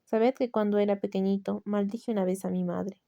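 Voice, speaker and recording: A woman's voice: mid-range voice, fairly even intonation, normal speed, creaky, mellow, close to an everyday voice. A woman with a Latin American Spanish accent voicing a dying male sinner who feigns tearful, humble piety in a storybook reading. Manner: tearful, pleading, feigned humility. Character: dying male sinner, false pious penitent.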